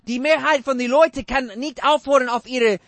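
A man's voice: extremely high pitch, steady tone, moderate pace, a bit bright, no room sound. A man preaching a sermon in non-native German with broken grammar, emphatic and asking the congregation repeated questions.

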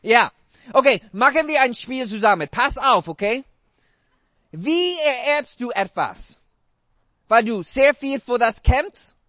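A man preaching a sermon in halting, non-native German, putting questions to his congregation. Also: extremely high pitch, expressive, a bit bright, no echo. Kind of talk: interactive sermon.

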